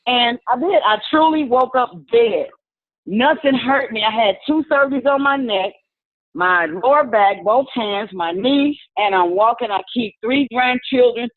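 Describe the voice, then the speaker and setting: A woman's voice: fairly high pitch, measured pace, no echo. Older woman caller, chatty storyteller, dry tinny phone sound. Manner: chatty, storytelling, acts out quotes. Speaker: caller giving a testimony. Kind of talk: casual spoken testimony. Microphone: phone call into a video meeting.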